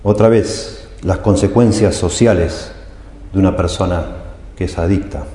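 A man's voice: low voice, a little slow, dark tone. A man preaching a sermon, explaining scripture and voicing its cries with emphasis. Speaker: pastor. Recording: echoey hall with long reverb.

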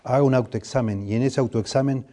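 A man's voice: medium pitch, brisk, dark tone. A man with a Rioplatense accent preaching a sermon as pastor, earnest and growing emphatic on scripture. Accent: Rioplatense Spanish. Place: church sanctuary.

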